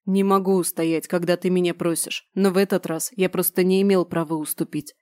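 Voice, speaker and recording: A young space general, guilt-ridden and devoted, coaxes his wife in a soft, pleading tone, as a woman reads him in an audiobook. His voice sits low and mellow. The recording is close and dry, with no room around it. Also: flat delivery, brisk, no echo, lightly acted. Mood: tender. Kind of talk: audiobook narration.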